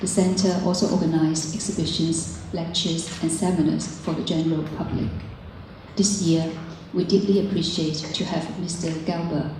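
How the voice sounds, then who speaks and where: A woman delivers a formal podium speech in a measured manner, with a low, mellow voice. She is heard from a distance in a very echoey hall. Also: level tone. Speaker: government official giving a speech. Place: large echoey hall at a ceremony. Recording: echoey hall, distant mic, faint noise.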